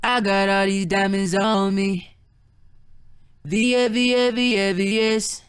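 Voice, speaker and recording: Rap vocal demo, man's voice shifted up into a chipmunk tone, auto-tuned, flat slow delivery, very clean and dry, faint beat under it. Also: smooth, no echo, faint music behind. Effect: pitch-shifted high chipmunk-like vocal with auto-tune.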